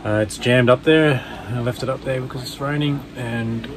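A sailing vlogger narrates his vlog in a medium, steady voice at normal speed, matter-of-fact, tired and wry. He is filmed close up on a handheld camera aboard a sailboat in a marina outdoors, with wind, ambient sound and crowd noise.

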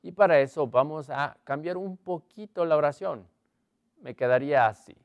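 A man teaching an online English grammar lesson, explaining in Spanish and reading English examples slowly while asking his students questions. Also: a little high, no echo, lo-fi sound. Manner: asks students questions often.

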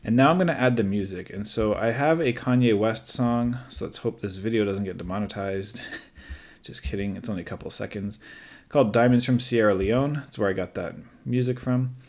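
A man who is a teacher, calmly talking through a screen-recorded software tutorial step by step, with light joking asides. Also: on the low side, brisk.

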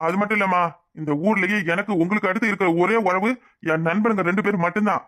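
A man's voice: high voice, fairly even intonation, fast, fairly bright tone. A man voicing a hot-headed, fiercely loyal young village man in his twenties in a cartoon, defiant and boastful. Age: 20s. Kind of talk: cartoon voice acting.

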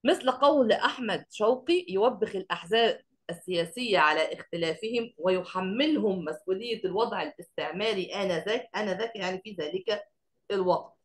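A woman teacher with an Egyptian Arabic accent gives an online class lecture. She keeps quizzing the class and recites verses slowly. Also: medium pitch.

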